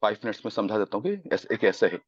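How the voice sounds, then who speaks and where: A man's voice: on the low side, big pitch swings, fast, breathy edge, no echo, muffled recording. Man coaching a sales class on a video call. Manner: mixes Hindi and English, quizzes students. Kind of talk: online class teaching.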